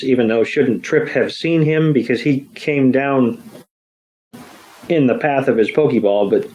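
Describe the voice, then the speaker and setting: A man's voice: medium pitch, a little mellow, rough recording. Laid-back joking man recapping. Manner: jokey, laid-back storytelling with fillers. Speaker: podcast co-host. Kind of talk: casual recap chat.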